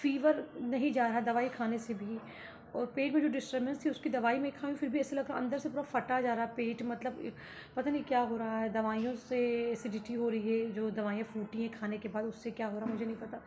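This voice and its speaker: A woman's voice: fairly high pitch, flat delivery, a little fast, darkish tone, slight background noise. A young woman vlogging casually about her day, tired and feverish, complaining as she goes about her chores. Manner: tired, complaining, talking through daily chores. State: feverish and worn out. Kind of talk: casual vlog monologue.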